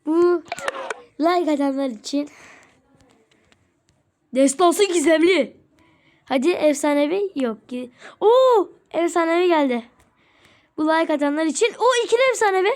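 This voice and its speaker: A woman giving casual gameplay commentary as a channel host, chatty and excitable, taunting her opponents. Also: high voice, measured pace, long pauses.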